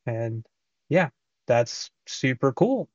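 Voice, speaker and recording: A man's voice: medium pitch, big pitch swings, takes it slowly, no room sound, lo-fi sound. A man doing a casual, offhand microphone test, recorded through an earbud or headset mic with no processing. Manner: offhand, conversational. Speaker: tech reviewer. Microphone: wireless and wired earbud or headset mics, unprocessed.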